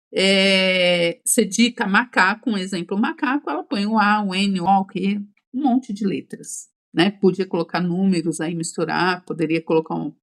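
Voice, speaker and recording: A woman teacher giving an exam-prep lecture, explaining step by step and checking in with quick tag questions. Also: medium pitch.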